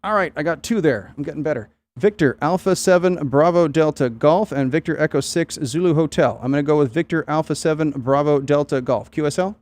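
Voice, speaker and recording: A man's voice: on the high side, brisk, hardly any pauses, noisy background. A man casually running an amateur radio net, taking check-ins with phonetic call signs.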